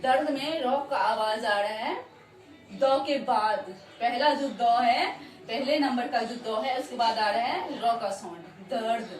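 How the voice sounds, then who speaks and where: High-pitched lady teacher, says words slow and keeps asking if the kids got it, roomy echo. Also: faint music behind. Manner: repeats words slowly and checks understanding often. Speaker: Hindi teacher. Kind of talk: classroom lesson for children. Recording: echoey room, voice from far off.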